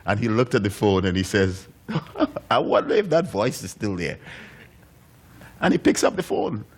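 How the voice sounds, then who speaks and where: A man preaching a sermon in a church, telling a story with animated delivery and acting out the voices of its characters. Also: on the low side, normal speed. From United States. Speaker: pastor.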